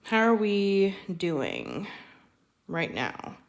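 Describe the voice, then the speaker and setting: A woman's voice: mid-range voice, sing-song, drawn-out words, low-quality recording. A young woman hosting a live-streamed cooking class, chatty and rambling, with frequent ums and self-corrections.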